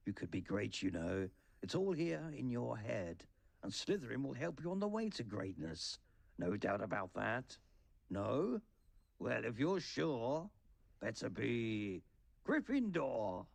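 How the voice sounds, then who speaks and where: A man plays an enchanted talking hat from a children's storybook. It weighs its words theatrically and stretches them out, with a very lively, swooping pitch. The sound is close and dry. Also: creaky, breathy edge, no echo, exaggerated voice. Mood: musing, sly. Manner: theatrical, pondering, drawn-out words. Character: magical sorting hat, booming when announcing, small musing voice in the ear.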